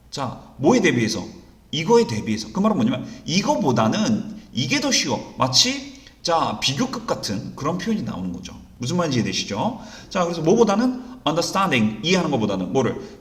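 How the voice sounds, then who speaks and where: A male teacher explains an exam reading passage with a lively, rising and falling voice that sits slightly high. He peppers the lesson with quick questions he answers himself. The sound is roomy, with noticeable echo. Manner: reads English passages slowly and deliberately. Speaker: English teacher.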